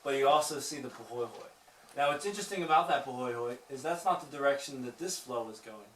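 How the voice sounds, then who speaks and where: A male cave guide talks to his group in a reverberant cave, picked up from some distance. He explains in an informal, teacherly way and checks in with questions. His medium-pitched voice rings off the rock over faint background noise. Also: animated, quick pace, a bit bright. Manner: jokey asides. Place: inside a lava tube cave.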